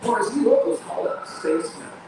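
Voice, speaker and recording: Upbeat man narrating over a ride loudspeaker. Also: very high-pitched, huge pitch swings, brisk, gravelly. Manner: upbeat, playful tour-guide delivery. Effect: played over an outdoor ride loudspeaker. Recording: echoey distant loudspeaker with ride noise.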